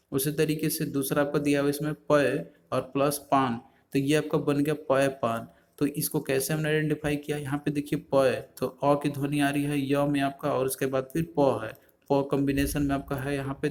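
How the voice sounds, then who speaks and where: Hindi grammar teacher, slightly high voice. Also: male voice, darkish tone. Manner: explanatory, repeats filler words, rhetorical questions to students. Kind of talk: exam-prep grammar lecture.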